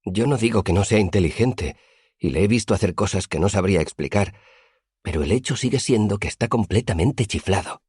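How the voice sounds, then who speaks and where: A man voicing an earnest young male student who speaks bluntly and heatedly in an audiobook, with a husky voice. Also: fairly low pitch, expressive, brisk, a little mellow, dry recording, studio quality, pitched above the performer's own voice. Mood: wry. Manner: heated, complaining.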